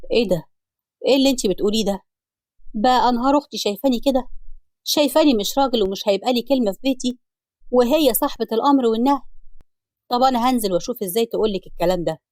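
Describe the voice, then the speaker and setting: Woman as an exasperated Egyptian husband, lowered voice, quick delivery, storybook. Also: darkish tone, dry recording, natural voice. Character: frustrated middle-aged husband, torn between family.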